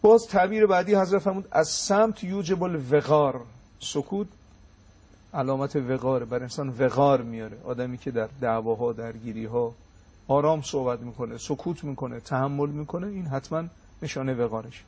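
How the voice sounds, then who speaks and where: A man giving a religious talk on a show. He recites sayings slowly in Arabic and then explains them briskly. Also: medium pitch, mellow, husky. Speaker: religious lecturer.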